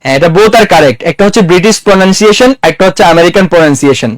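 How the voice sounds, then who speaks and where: A man's voice: high-pitched, expressive, rapid-fire, no echo. A man lecturing a classroom in a conversational way, quizzing his students and mixing English words into his talk. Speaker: teacher.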